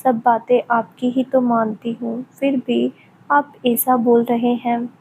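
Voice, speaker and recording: A sweet, sleepy young woman speaking softly to her partner in an audio story, voiced by the narrator. Her voice is quiet, innocent and mellow, a little high and slow. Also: flat delivery, creaky, slight background noise, rough recording.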